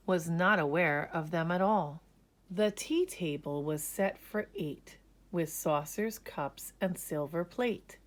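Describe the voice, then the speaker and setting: Reading a children's picture book aloud, a woman speaks in a fairly low pitch, her delivery measured and expressive in true storytelling fashion.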